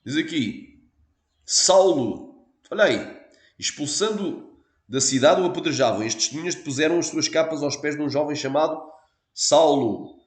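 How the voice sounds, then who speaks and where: A man's voice: a little high, a little fast, reverberant. A man with a European Portuguese accent, a pastor explaining a point patiently in a teaching sermon and asking his listeners for assent.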